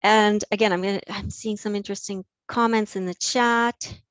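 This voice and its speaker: A woman's voice: mid-range voice, steady tone, normal speed, dry recording. Enthusiastic woman lecturing, dry sound. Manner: enthusiastic, frequent fillers and restarts. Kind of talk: live online mini-lecture.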